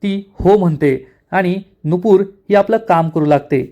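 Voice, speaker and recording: A man's voice: sits high, measured pace, highs cut off. A man narrating a recap of a TV serial episode, telling the story step by step and reading out each character's lines. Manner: steady retelling that reads out each character's lines.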